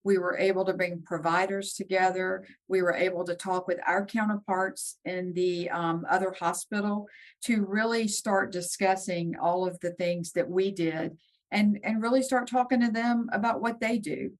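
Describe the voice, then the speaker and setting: A woman's voice: medium pitch, steady tone, moderate pace. A woman guest in a podcast interview, speaking earnestly with frequent ums and restarts. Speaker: guest, nursing executive.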